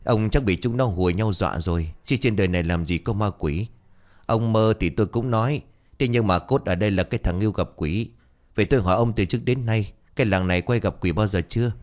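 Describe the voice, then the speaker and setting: A man voicing a scheming, sharp-tongued elder wife who lectures her husband in a spoken ghost story. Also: fairly low pitch, fast talker, close to an everyday voice. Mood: scornful. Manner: scornful, lecturing.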